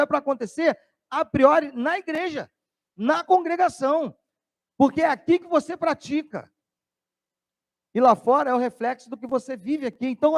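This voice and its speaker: Male pastor preaching, high pitched, animated, Brazilian Portuguese accent. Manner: animated preaching, drops voice low to tell stories. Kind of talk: sermon.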